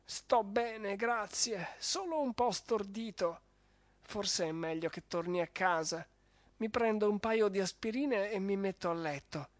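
A storyteller voicing a gallant young baron who speaks politely and softly. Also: male voice, high voice, measured pace, no echo, pitched above the performer's own voice. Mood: gentle. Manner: polite, soft-spoken. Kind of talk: storybook reading.

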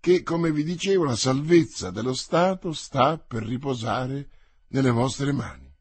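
A crafty old cardinal, anxious and wheedling, as a man reads him. The voice is husky and slightly breathy, recorded close and dry. He presses his point with insistence. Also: medium pitch, measured pace, no echo. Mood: insistent. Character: scheming, anxious older male cardinal minister. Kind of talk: audiobook character voice.

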